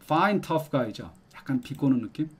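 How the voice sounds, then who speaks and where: A man's voice: medium pitch, takes it slowly, husky. A middle-aged man giving an exam-prep lecture, coaxing and explaining, often asking "got it?". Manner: lively, coaxing, checks in with "알겠죠?". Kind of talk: explanatory lecture with questions to students.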